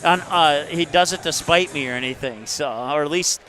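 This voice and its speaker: A man with a high voice hosts a local sports broadcast. He chats in a casual, joking, self-deprecating way as he fills time before the game. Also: moderate pace, pushed and bright, slight background noise, poor audio. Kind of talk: casual pregame sports chat.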